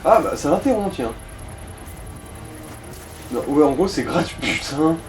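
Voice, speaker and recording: Co-hosting a casual video game playthrough, a man makes wry, slangy remarks alongside his co-player. His voice is on the high side and expressive, at a measured pace, with faint music behind.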